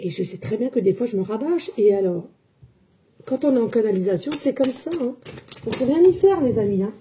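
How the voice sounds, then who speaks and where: High-pitched woman, mellow and defensive. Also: animated, brisk, slight background noise. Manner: defensive, repetitive, many "hein" and fillers. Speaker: psychic medium giving tarot readings. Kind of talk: casual spoken monologue to viewers.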